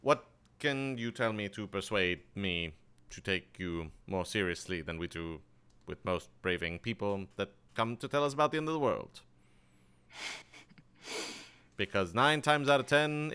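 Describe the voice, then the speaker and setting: A man's voice: fairly low pitch, sharp tone, clean tone. Man voicing a skeptical, wry city official.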